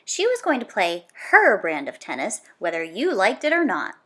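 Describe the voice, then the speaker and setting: A woman reads a children's book aloud the way a teacher would, lively and conversational, leaning hard on repeated words. Her pitch is medium, her pace moderate, and her voice slightly rough.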